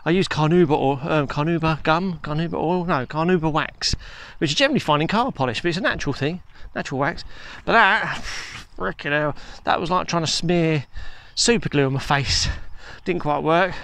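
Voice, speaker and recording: A man's voice: a little high, brisk, few pauses, a bit bright. Rambling man chatting on a country walk. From England. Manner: rambling, chatty, self-mocking. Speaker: vlogger. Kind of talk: casual walking vlog chat. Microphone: handheld phone camera.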